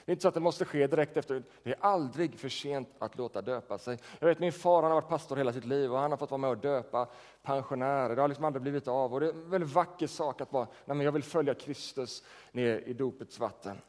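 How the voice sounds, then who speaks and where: A man's voice: mid-range voice, a little mellow. A man preaching a sermon as pastor, talking in a conversational way and often posing questions to the congregation. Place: church sanctuary. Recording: long church reverb.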